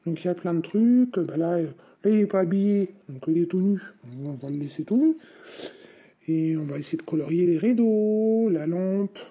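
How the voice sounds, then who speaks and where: For a casual unboxing vlog, a craft vlogger's own voice is replaced by a synthetic female text-to-speech voice that chats in a loose, rambling way. The voice is lowish and slightly rough at a normal speed, and the recording sounds muffled.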